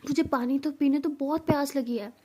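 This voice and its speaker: A woman's voice: sits high, fairly even intonation, brisk, dark tone, close to an everyday voice. A woman voicing a playful, affectionate young girlfriend who teases and coaxes her partner. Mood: teasing. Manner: teasing, coaxing.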